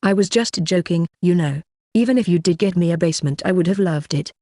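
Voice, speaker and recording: A reader doing a deadpan young sorcerer lad. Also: mid-range voice, brisk, no echo, close to an everyday voice. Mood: wry. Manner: wry, deadpan. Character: sarcastic young male sorcerer son, deadpan.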